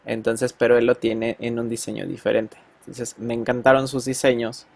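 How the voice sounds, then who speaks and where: A man's voice: medium pitch, flat delivery, moderate pace, creaky. A man with a Mexican accent, a teacher chatting casually with his students and telling slangy stories full of fillers.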